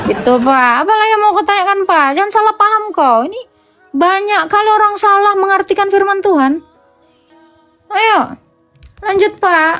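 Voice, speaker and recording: Very high-voiced blunt scolding woman. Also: normal speed, a bit bright, faint music behind, a faint crowd. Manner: scolding, blunt, addresses listeners as Pak and kau. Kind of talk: live-stream preaching and debate.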